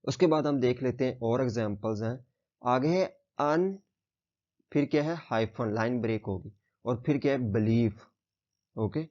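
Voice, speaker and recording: A man's voice: medium pitch, a little slow, darkish tone. A male braille teacher explaining rules step by step, patiently checking understanding as he goes. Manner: patient, repeats "theek hai" and "okay" to check understanding. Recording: slightly dull lo-fi sound.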